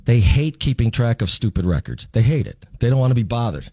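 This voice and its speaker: A man's voice: mid-range voice, big pitch swings, a little fast, dark tone, slightly rough, no room sound, clean studio sound. A man hosting a casual, joking radio interview in a sarcastic, irreverent way. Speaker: radio show host.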